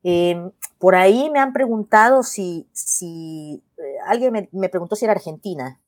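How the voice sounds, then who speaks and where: A middle-aged woman from El Salvador chats as an interview guest. Her voice sits low and the sound is dry and close. She talks thoughtfully, backing up to rephrase and checking in with the listener. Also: expressive, unhurried, a little mellow, no room sound. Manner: thoughtful, with frequent restarts and "¿no?" tags. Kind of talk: casual interview conversation.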